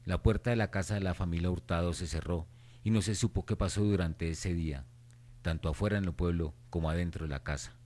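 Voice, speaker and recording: Low-voiced man narrating radio horror. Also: brisk, a little mellow.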